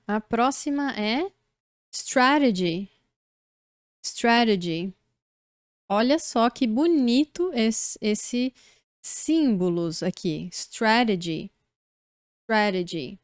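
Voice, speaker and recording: A Brazilian woman English teacher giving an online lesson, explaining slowly and patiently and checking in with her students often. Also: mid-range voice, dry recording, studio quality. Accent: Brazilian Portuguese.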